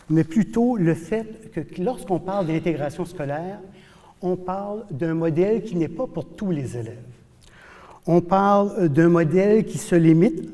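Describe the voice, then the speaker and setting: A man from New Brunswick, Canada, giving an animated, emphatic university lecture as a professor in a lecture hall. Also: on the high side. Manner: animated, emphatic explaining, repeats for stress. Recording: long hall reverb.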